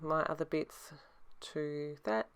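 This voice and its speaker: A woman's voice: sits low, takes it slowly, smooth. A middle-aged woman with a slight lisp from braces and a sore mouth, giving a casual craft tutorial voice-over. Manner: talks with a sore mouth from newly adjusted braces. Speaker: scrapbooker narrating her process.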